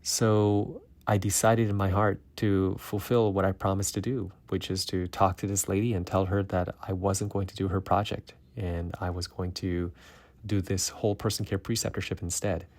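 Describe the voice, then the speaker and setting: A man's voice: sits low, level tone, moderate pace, a little mellow. A man, a doctor and mentor, telling a personal faith story in an earnest, reflective and self-deprecating way. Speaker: physician and faculty mentor.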